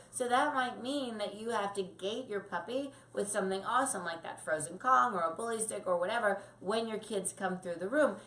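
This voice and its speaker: Lively woman dog trainer in echoey room. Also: mid-range voice. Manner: lively, acts out puppy and owner voices. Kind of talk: casual training tips to camera.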